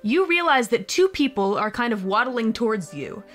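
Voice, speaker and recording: A woman's voice: on the high side, very animated, normal speed, fairly bright tone, faint music behind. A woman narrating a tabletop game as game master, casual and often laughing.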